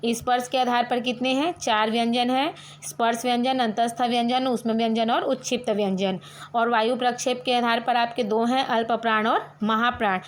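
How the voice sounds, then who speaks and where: High-voiced woman teaching a grammar lesson. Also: fairly even intonation. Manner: explains step by step, asks and answers her own questions; spells out sounds slowly, one at a time.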